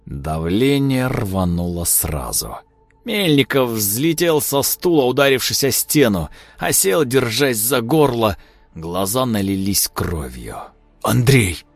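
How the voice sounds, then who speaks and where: A man narrating an audiobook in a measured, dramatic storytelling manner. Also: mid-range voice, no echo.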